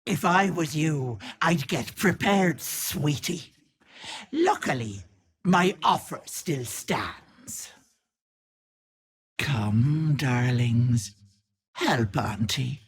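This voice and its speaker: An actress playing a sinister old hag who poses as a kindly auntie in a video game, cooing mocking endearments in a theatrical way. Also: female voice, low voice, lively intonation, drawn-out words, long pauses, slightly rough, full character voice. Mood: sly, mocking. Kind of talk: video game character acting.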